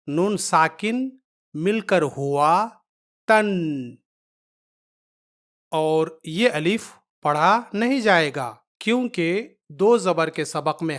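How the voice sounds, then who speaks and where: Patient woman teacher, slightly low voice, slow and repetitive. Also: fairly bright tone. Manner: patient, repeats each point, drawn-out letter sounds. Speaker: Quran reading teacher. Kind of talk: slow step-by-step lesson.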